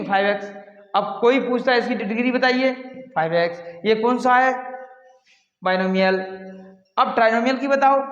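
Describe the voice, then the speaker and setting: High-voiced man teaching maths, echoey room. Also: a bit bright. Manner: asks students questions and answers them himself; repeats instructions patiently. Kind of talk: classroom maths lesson. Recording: roomy, echoey, dull lo-fi recording.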